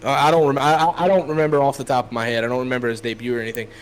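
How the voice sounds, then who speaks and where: A man's voice: mid-range voice, level tone, very fast, a little hiss or hum, poor audio. A man appearing as a guest on a casual podcast, joking and rambling loosely. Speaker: guest streamer.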